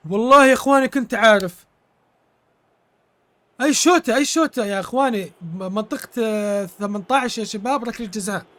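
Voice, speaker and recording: A man's voice: high-pitched, fairly quick, pauses often, pushed and bright. A man streaming a football video game, commentating live, exclaiming in bursts, repeating words and thanking his viewers. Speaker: gaming streamer.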